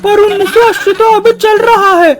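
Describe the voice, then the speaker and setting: Woman doing a super high, giddy bald politician who thinks he's getting married, cartoon. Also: takes it slowly, soft background music. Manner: giddy, excited. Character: dazed bald male politician, giddy groom. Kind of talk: cartoon comedy voice acting.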